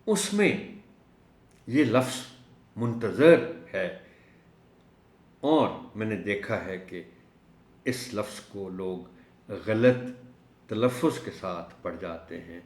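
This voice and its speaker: A man teaching a recorded lesson for teachers, explaining words slowly and drawing out the key ones. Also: on the low side, animated, echoey room. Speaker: teacher trainer.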